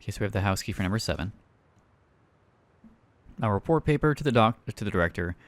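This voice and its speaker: A man's voice: lowish voice, animated, fast, a little hiss or hum. A man giving casual let's play commentary, thinking aloud and reading game notes. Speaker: gaming YouTuber.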